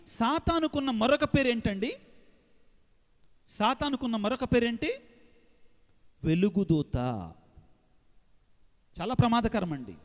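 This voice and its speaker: High-voiced preaching priest with hall reverb. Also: male voice. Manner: lively call-and-response preaching, mixing English phrases. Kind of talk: sermon to a large congregation. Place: large outdoor gathering.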